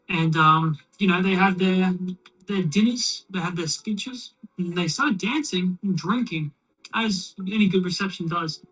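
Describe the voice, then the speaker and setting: A speaker alone in a room, telling a long shaggy-dog joke in a rambling, deadpan way with plenty of fillers. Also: medium pitch, distant mic, low-quality recording. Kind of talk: shaggy-dog joke told while painting miniatures.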